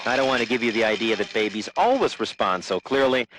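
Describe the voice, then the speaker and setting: A man narrating a TV news report in a measured, explanatory way. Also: medium pitch, expressive, a bit bright, a little hiss or hum, rough recording.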